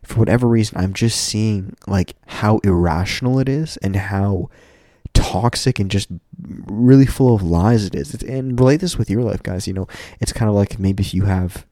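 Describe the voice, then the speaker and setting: A man's voice: lowish voice, normal speed, dark tone, dry recording, studio quality. A man hosting a casual solo podcast, talking in an informal, candid, rambling way to his listeners, with a slightly stuffy nose. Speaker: podcast host.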